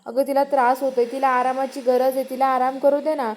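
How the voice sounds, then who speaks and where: A woman speaking as a young man, impatient and protective, pleading one moment and firm the next. The voice is high with a soft, mellow tone, more retelling than full acting. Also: little pitch movement, fairly quick, natural voice. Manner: pleading then firm, talks down to listener. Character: young man defending his ill girlfriend, impatient.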